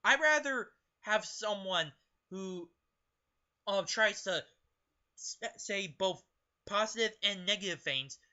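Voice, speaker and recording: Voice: medium pitch, animated, takes it slowly, long pauses, pushed and bright, muffled recording. A young adult political vlogger who reads passages from a book aloud and comments on them in an opinionated, emphatic way, often stumbling over words.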